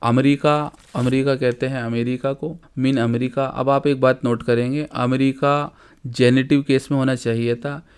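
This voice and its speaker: A man teaching a grammar lesson, reading examples slowly and deliberately and explaining each one. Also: medium pitch, flat delivery, a little mellow, clear, resonant tone. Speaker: Arabic teacher.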